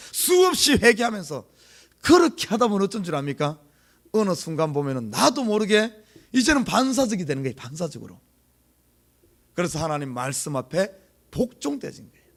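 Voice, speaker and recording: Middle-aged korean pastor guy w gyeongsang accent, high voice that swings all over, keeps repeating words to hammer them home. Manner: emphatic, repeats key words for stress; asks the congregation rhetorical questions. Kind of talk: sermon. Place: church sanctuary.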